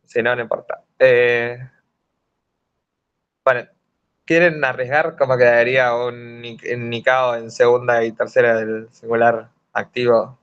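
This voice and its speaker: A man's voice: mid-range voice, level tone, measured pace, clean tone. A young man with a Rioplatense accent tutors fellow students in an informal online study group, explaining step by step with many fillers and hesitations. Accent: Rioplatense Spanish. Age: young adult. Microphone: video call. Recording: dull lo-fi online call audio.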